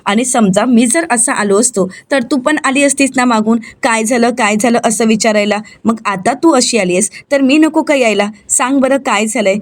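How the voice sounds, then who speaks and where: A woman's voice: a little high, normal speed, hardly any pauses, close to an everyday voice. A woman reading the lines of a cheerful young husband who coaxes and teases his wife in a retold TV serial. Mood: coaxing.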